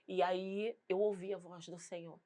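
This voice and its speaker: A woman's voice: on the low side, fairly even intonation, a little slow, warm tone. Earnest Brazilian woman pastor testifying. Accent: Brazilian Portuguese. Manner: earnest, rising to fervent intensity when recounting prayer. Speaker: pastor and singer, guest. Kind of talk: emotional faith testimony in an interview.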